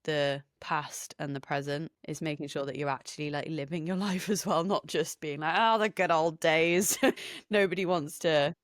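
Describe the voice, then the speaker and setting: A young woman chats as a podcast co-host, lively and questioning, often breaking into laughter. Her voice sits a little low for a woman. The sound is dry and close, with no room echo. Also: normal speed. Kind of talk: casual chat.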